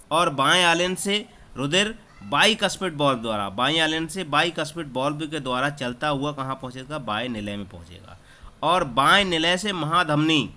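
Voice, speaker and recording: A man's voice: fairly high pitch, sharp tone. A man teaching an exam-prep lesson, who asks a question, then answers it himself and repeats each key term. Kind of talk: exam-prep lesson over screen recording. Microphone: screen-recording app mic.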